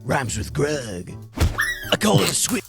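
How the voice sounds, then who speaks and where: A dim, cheerful cartoon caveman who proudly names everything. His gravelly voice is pitched high and swings wildly up and down. Music plays behind him. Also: very animated, a little slow, heavily acted. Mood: goofy. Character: Grug, dim cheerful caveman naming things. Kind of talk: cartoon voice acting.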